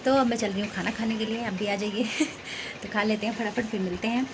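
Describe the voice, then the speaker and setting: A woman's voice: medium pitch, steady tone, a little fast, background noise. A young woman chatting casually in a home vlog, rambling through her day. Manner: chatty, rambling, self-narrating daily errands. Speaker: family vlogger.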